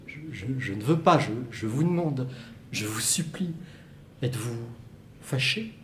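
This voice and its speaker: A man's voice: mid-range voice, animated, a little slow, fairly bright tone, a little hiss or hum. A young man playing an anxious male lover who stammers and repeats himself as he pleads. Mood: pleading. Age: young adult. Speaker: student actor. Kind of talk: solo stage reading of a play. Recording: roomy echo.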